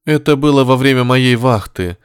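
A man voicing a guilt-ridden woman officer who speaks softly and apologetically. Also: medium pitch, normal speed, clean tone, no room sound, clean studio sound, close to an everyday voice. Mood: apologetic. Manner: soft and apologetic.

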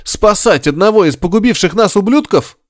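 A man voicing a hysterical male reporter who shrieks indignant outbursts in a high, strained voice. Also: animated, fast, no echo, studio quality, lightly acted.

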